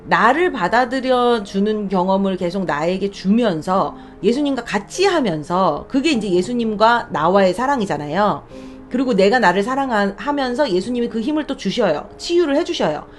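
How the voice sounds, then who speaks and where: Woman, podcast testimony host: earnest, very lively pitch, soft music under. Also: normal speed. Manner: earnest, animated, talks to listeners directly. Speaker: church deaconess, podcast host. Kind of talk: faith testimony talk.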